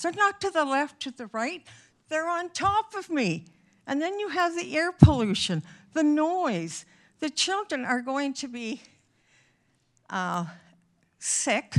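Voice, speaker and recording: Woman resident at a public delegation, high-pitched and emphatic, her voice rising and falling widely. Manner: emphatic, indignant, repetitive. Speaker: resident speaking at a council meeting. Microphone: podium microphone.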